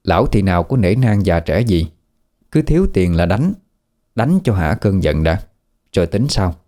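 A man narrating a scripted horror story in a steady, somber way. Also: low-pitched, moderate pace.

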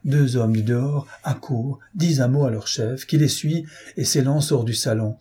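A man with a husky, medium-pitched voice narrates an audiobook of a classic novel. His reading is measured and expressive.

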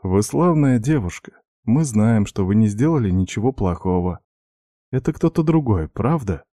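A man doing a soft, coaxing interrogator. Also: lowish voice, normal speed, no room sound, studio quality, lightly acted. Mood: soothing coaxing. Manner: soft, ingratiating, monotonous. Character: gentle investigator man, soothing and coaxing. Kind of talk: audiobook character voice.

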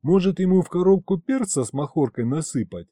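A man's voice: on the high side, expressive, fairly quick, dark tone, no echo, clean studio sound, pitched above the performer's own voice. A man voicing a slangy male imp henchman who talks like a street tough, in an audiobook reading. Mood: cocky. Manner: gangster slang, whiny.

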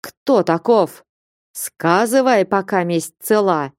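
A stern old merchant father with a hot temper bellows his commands. A woman voices him in a storybook reading, her tone warm and mellow, close and dry. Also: mid-range voice, lively intonation, slow pace, no echo. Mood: furious. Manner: commanding, blustering, shouting in anger.

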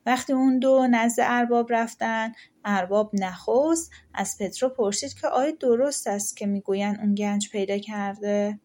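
A woman narrating a folktale audiobook in a steady storytelling manner. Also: on the high side.

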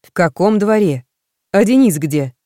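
A woman voicing a blunt young woman best friend who talks briskly and teases in a no-nonsense way, in an audiobook. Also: medium pitch, animated, mellow, no room sound, studio quality, close to an everyday voice.

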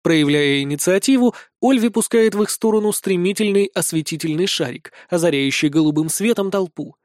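A man narrates a fantasy adventure in the first person, brisk and wry in his telling. His voice is fairly high for a man, and the recording is dry and close with no room echo. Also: darkish tone. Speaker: audiobook narrator.

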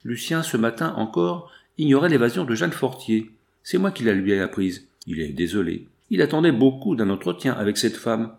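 A man's voice: mid-range voice, animated, moderate pace, vocal fry, darkish tone. A man voicing a polite, earnest young lawyer in an audiobook. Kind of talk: audiobook character reading.

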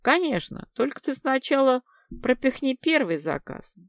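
A woman reading an audiobook and voicing a chatty, flirtatious woman with a piercing, high voice. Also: lively intonation, normal speed, fairly bright tone, dry recording, clean studio sound. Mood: bubbly flirtatious. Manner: coquettish, chattering.

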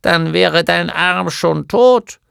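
A man's voice: high-pitched, slow pace, creaky, fairly bright tone, smooth, dry recording, studio quality, pitched above the performer's own voice, heavily acted. A man voicing a bossy old female gnome healer in an audiobook, with a scolding, nagging manner. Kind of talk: audiobook character voice.

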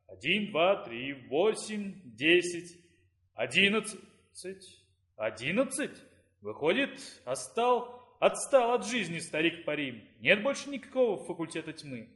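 A man's voice: a little high, very animated, measured pace, a bit bright, echoey room. A man narrating a fantasy audiobook expressively.

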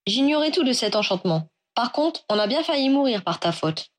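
A woman's voice: on the high side, very animated, a little fast, voice pushed up. Woman voicing an earnest young male wizard, polite, apologetic, slightly raised voice. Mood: heated. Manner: polite and apologetic, then heated. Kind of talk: audiobook reading of fan fiction.

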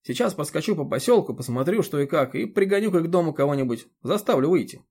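Brisk, practical male agent, decisive, voiced by a male narrator. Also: on the high side, animated, a little mellow, slightly rough, pitched above the performer's own voice. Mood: businesslike.

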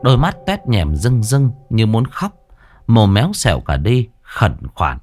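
Male storyteller, colloquial horror narration; low voice with lively pitch. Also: unhurried, music in the background.

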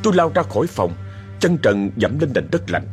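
A man narrating a horror story with dramatic, expressive delivery. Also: medium pitch, normal speed, faint music behind.

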